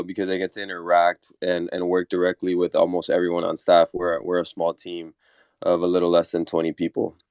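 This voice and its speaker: Low, smooth-voiced man from Chile. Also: darkish tone, no room sound, studio quality. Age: 30s. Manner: measured, with frequent fillers. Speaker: deputy chief of staff. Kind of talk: panel discussion introduction. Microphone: audio-only online talk.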